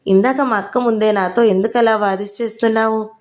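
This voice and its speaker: A woman's voice: a little high, steady tone, brisk, lightly acted. A woman voicing an irritated young husband in an audio novel, speaking curtly and reproachfully. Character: irritated young husband, scolding his wife.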